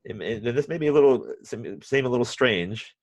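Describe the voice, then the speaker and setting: A man teaching a university math class remotely, halting often with restarts and fillers, and dropping wry, self-mocking asides. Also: mid-range voice, expressive, no echo. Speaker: math professor.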